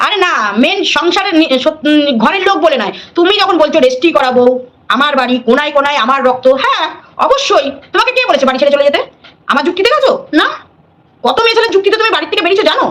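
Fast-talking, high-voiced woman ranting. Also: expressive, a bit bright. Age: middle-aged. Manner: scolding, defiant, repeats her points. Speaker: live-stream host. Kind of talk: ranting live stream.

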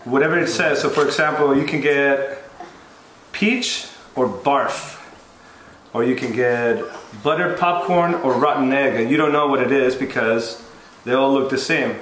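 A man's voice: mid-range voice, a little slow, fairly bright tone. A man in his thirties hosts a home video in an informal, instructing way. He explains things casually. The sound is a roomy living room with faint background noise. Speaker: host of a family challenge video. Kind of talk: casual vlog explanation and chat. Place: living room sofa, indoors. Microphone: camera across coffee table.

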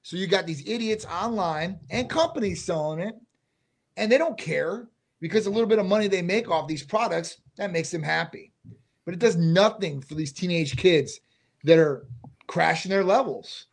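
A man with a fairly high, husky voice giving blunt, casual opinions. He co-hosts a live question-and-answer show and speaks into a desk microphone. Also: animated, normal speed. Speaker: clinic owner, co-host. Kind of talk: live Q&A chat.

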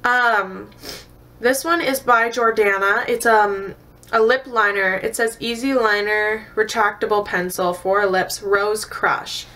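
A young woman from Canada talks through her beauty haul in a loose, rambling way, full of fillers and half-finished restarts. She sounds tired, her voice sitting at an ordinary middle pitch. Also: steady tone, takes it slowly, pushed and bright. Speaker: beauty vlogger. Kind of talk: casual haul video chat.

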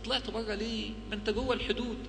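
A man with an Egyptian accent preaching to a live audience, firing off rhetorical questions in an animated way. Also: high voice, very fast, vocal fry. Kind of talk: religious talk to a live audience. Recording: echoey hall with faint hum.

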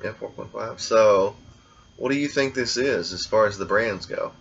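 A man hosting a casual blindfolded taste test, talking in a relaxed, rambling way. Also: fairly low pitch, normal speed, creaky, husky, dull audio. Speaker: food vlogger.

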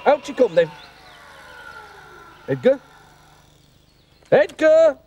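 A man's voice: extremely high pitch, very animated, drawn-out words, lo-fi sound, very noisy, full character voice. A man playing a chirpy, self-satisfied children's show character.

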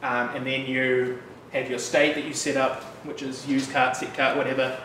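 Speaking at a moderate pace, this mid-pitched New Zealand man in his thirties presents a laid-back technical talk at a developer meetup, chatting freely with plenty of fillers and side remarks. An audience fills the bright, loft-style office, and the room mic sits some distance from him, so the sound is echoey, far-off and noisy in the background.

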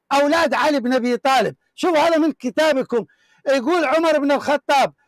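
A man's voice: extremely high pitch, dry recording. A man hosting a heated religious debate, reading from books in an emphatic, repetitive, declaiming way. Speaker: show host debating a caller.

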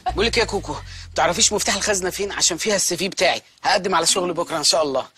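An actor playing a joking, jobless husband in a film comedy, with an Egyptian Arabic accent and a playful, mock-apologetic way of talking. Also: male voice, sits high, lively intonation, racing, pushed and bright, soft background music, full character voice. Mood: wheedling.

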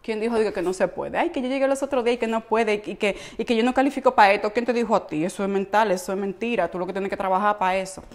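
A woman's voice: mid-range voice, fast talker, few pauses. A woman hosts a casual live cooking stream from her home kitchen, chatting, laughing often and answering viewer comments. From Latin America. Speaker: cooking vlog host and coach.

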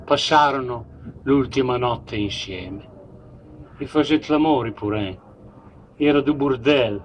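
A man's voice: mid-range voice, slow, dull audio, slight background noise. A man with a Romagnol accent, a comic storyteller who retells a classic love story on a live stage and playfully mixes dialect with standard speech. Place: outdoor village festival stage.

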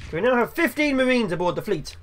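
A man's voice: extremely high pitch, big pitch swings, fast, a bit bright, a little hiss or hum. A young man hosting a game let's play, chatting and joking to himself as he plays. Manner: chatty, jokey, talks to himself while playing. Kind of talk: gameplay commentary.

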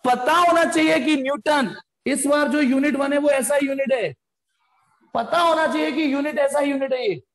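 A man's voice: extremely high pitch, moderate pace, a bit bright. A man teaching a live online physics class in speech, chatty, calling students "beta" and throwing in slangy asides. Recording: echoey room with long reverb.

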